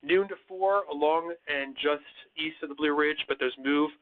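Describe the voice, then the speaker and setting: A man's voice: fairly high pitch, moderate pace. A man hosting a live weather Q&A, answering viewer comments in an earnest, slightly stammering way with plenty of fillers. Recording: tinny phone-like audio.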